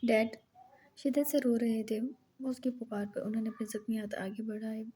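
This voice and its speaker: Soft-spoken woman narrating a novel. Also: on the high side, steady tone, fairly quick, breathy edge. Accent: Urdu. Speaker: audiobook narrator. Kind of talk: reading a romance novel aloud.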